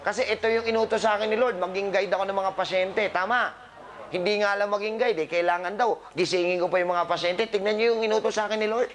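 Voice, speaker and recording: A man's voice: high voice, fairly even intonation, fast talker, a bit bright. A man, a doctor, giving a live talk to patients, scolding them with humor and quizzing the audience. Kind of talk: live motivational health talk.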